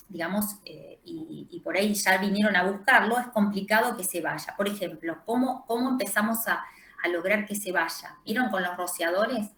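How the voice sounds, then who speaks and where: A woman's voice: medium pitch, a bit bright. Argentine woman, university lecture, lots of fillers, echoey sound. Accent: Rioplatense Spanish. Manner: explanatory, hesitant with frequent fillers. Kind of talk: online class lecture.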